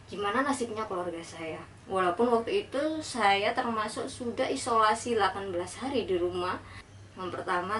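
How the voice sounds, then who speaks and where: A woman's voice: on the high side, fairly bright tone. A young woman tells a personal story in an earnest, reflective voice. She sits a little way from the mic, and there is a faint hiss behind her. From Indonesia. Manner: earnest, reflective retelling, acting out dialogue. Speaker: vlogger. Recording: slightly distant mic with faint noise.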